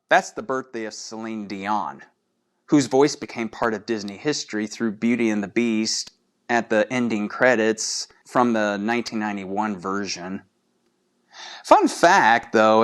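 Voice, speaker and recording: A man's voice: on the low side, smooth. A man hosting a casual solo show of fan trivia, chatty and putting questions straight to his listeners. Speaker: podcast host.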